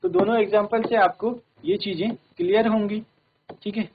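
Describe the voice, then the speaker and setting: A male English teacher, giving a classroom grammar lesson in a steady manner and often checking that everyone follows. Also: high voice, normal speed, slight background noise. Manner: steady, repeats "ठीक है" to check understanding. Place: broadcast studio classroom. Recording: tinny phone-like audio.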